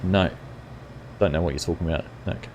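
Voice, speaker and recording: The recording is muffled with a bit of hiss or hum, carrying a middle-aged New Zealand man's low voice at a slightly fast clip. He hosts a live gaming stream, chatting casually and reading viewer comments, relaxed and chatty with lots of fillers and answering chatters by name.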